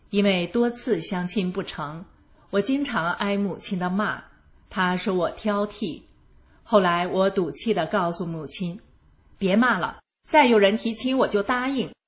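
A woman narrating her own life story in the first person, in a calm and even manner. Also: mid-range voice. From rural China.

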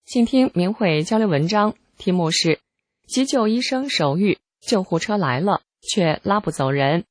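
A narrator calmly reading a first-person testimony article in steady scripted narration. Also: medium pitch, unhurried, dry recording.

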